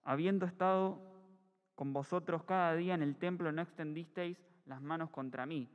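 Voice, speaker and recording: A man reading scripture aloud at a church meeting, steady with brief self-corrections. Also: fairly high pitch, normal speed, highs cut off. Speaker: scripture reader. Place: church hall. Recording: echoey church hall.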